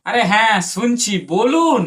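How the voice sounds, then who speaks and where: High-voiced man in a noisy comedy sketch. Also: animated, measured pace. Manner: bickering, exasperated back-and-forth. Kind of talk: comedy sketch with several characters. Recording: noisy background.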